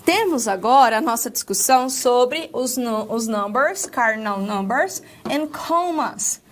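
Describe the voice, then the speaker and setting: A woman's voice: fairly high pitch, lively intonation, a little slow. A Brazilian woman teaching a recorded English lesson, explaining step by step and checking in with "ok?" after each point. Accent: Brazilian Portuguese.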